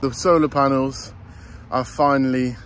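A man's voice: mid-range voice, level tone, a little slow, fairly bright tone, a little hiss or hum. A man, vlogging to camera in a casual, chatty way, worn out and hot after a long day. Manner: chatty, tired but upbeat, addresses viewers as guys. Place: inside a van under conversion. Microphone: phone held close, selfie framing.

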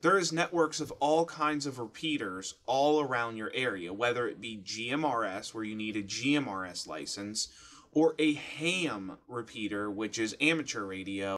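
As the host of a how-to channel, a man in his thirties with an American accent explains things casually and plainly to camera. He's indoors in a small furnished room at home, speaking at normal speed in a medium-pitched, fairly bright voice.

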